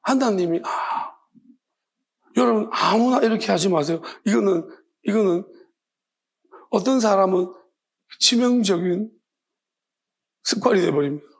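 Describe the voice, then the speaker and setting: A man's voice: high voice, expressive, normal speed, vocal fry, pauses often. A man preaching a sermon at a Friday worship service as pastor, in a conversational and impassioned way, asking the congregation questions and often restarting his sentences.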